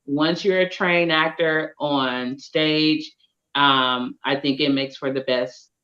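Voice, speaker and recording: A woman's voice: low voice, fairly even intonation, slow pace, a bit bright, highs cut off. A woman co-hosting a live video podcast, giving her opinions in a casual, emphatic way. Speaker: podcast co-host. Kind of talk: casual chat. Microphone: video call.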